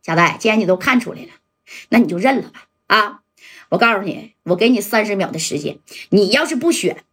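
A woman's voice: mid-range voice, lively intonation, fairly quick, a bit bright, husky. A woman doing a sneering young thug. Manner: sneering, bullying. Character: cocky young male thug, mocking and vengeful.

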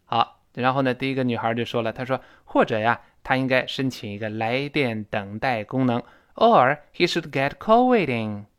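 A man teaching a spoken English lesson. He breaks words apart and repeats them slowly, with chatty asides along the way. His pitch sits in the middle range for a man. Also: fairly even intonation. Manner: chatty, with little asides and soft laughs.

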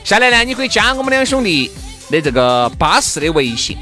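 A man's voice: sits high, sing-song, brisk, sharp tone, faint music behind. A man with a Sichuanese accent co-hosting a casual comic talk show, bantering in a playful, mock-earnest way.

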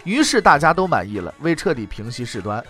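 Wry animated male storyteller. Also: mid-range voice, a little fast, faint music behind. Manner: wry, mocking asides with playful tags. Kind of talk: traditional comic storytelling.

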